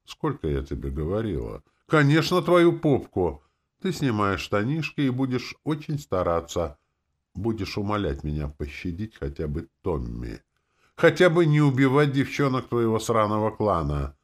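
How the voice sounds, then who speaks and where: A man voicing a crude, vicious female demoness who taunts and threatens in a mocking, shrill tone for an audiobook. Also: big pitch swings, normal speed. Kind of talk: audiobook character voice.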